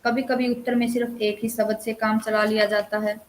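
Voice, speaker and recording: A woman's voice: on the high side, level tone, fairly quick, a little hiss or hum, rough recording. A woman counsellor giving an online lesson, explaining points and reading out short examples. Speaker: counsellor teaching Hindi language. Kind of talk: online lecture.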